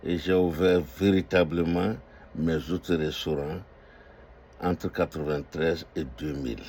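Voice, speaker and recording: The speaker is an older restaurant owner delivering a fervent political monologue, stressing and repeating his declarations amid hesitant fillers. He has a deep, darkish voice with fairly even intonation and a slightly slow pace, and a little hiss or hum is audible.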